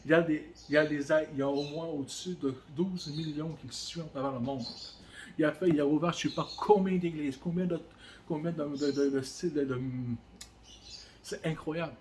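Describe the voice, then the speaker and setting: A fervent preacher with a high, ringing voice, speaking alone to a camera in a church room. He talks straight at the listener with repeated urgent calls. A faint hum sits under his voice. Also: steady tone, brisk, a little mellow. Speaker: pastor. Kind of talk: sermon. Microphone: camera on a stand.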